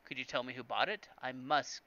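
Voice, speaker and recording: Guy reading a plain game hero's lines, flat matter-of-fact, bright voice. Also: medium pitch, fairly quick, dry recording, lo-fi sound, close to an everyday voice.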